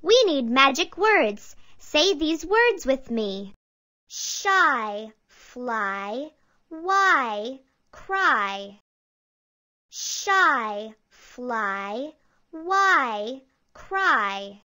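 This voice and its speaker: Woman as young cartoon magician, high and very swooping, excitable, emphatic, children's game guide. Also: full character voice. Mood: showy, encouraging. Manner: slow, emphatic, exaggerated enunciation. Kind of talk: animated instruction for early readers.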